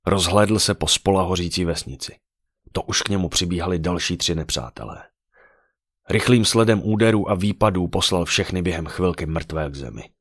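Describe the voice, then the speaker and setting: A man narrating a dark fantasy audiobook with dramatic storytelling. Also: sits low, dry recording, studio quality.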